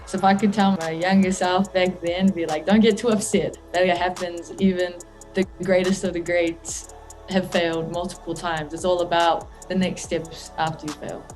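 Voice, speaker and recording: Young New Zealand woman, relaxed and thoughtful. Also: on the low side, normal speed, faint music behind. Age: young adult. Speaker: college basketball player. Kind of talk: interview answers.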